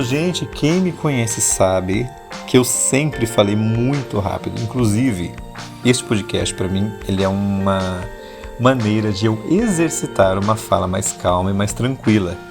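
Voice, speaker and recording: A man, hosting an intimate late-night podcast monologue and deliberately talking slower and lower, though he still slips into speaking fast. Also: gravelly. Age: 40s. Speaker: podcast host.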